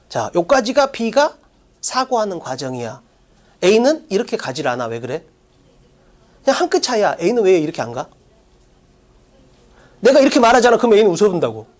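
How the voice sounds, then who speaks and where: Lively online English teacher. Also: mid-range voice. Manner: coaching with quick rhetorical questions to students; casual plain-speech classroom talk. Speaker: English exam-prep teacher. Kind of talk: online lecture.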